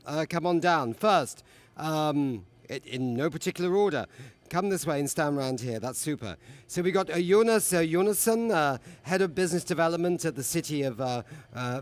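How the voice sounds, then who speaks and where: Jovial man hosting a live panel. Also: a little high. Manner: jovial, chatty introductions. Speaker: host. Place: lives in Berlin.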